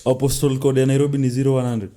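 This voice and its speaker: Wry Kenyan guest, dark mellow voice. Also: male voice, medium pitch, flat delivery, rapid-fire. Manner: teasing, wry one-liners. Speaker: podcast guest. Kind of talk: casual chat mixing Swahili and English.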